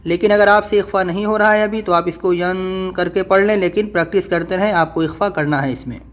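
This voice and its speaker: High-voiced man teaching Quran reading. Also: fairly even intonation, a bit bright. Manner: quick explanations, slow drawn-out syllable-by-syllable spelling. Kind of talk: recorded Quran reading lesson.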